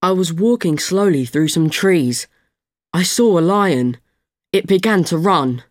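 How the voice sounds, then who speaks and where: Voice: mid-range voice, expressive, measured pace, dry recording, studio quality. A speaker plainly reading a short first-person dream story for a listening exercise. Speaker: recorded dialogue reader. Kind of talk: scripted narration of a dream.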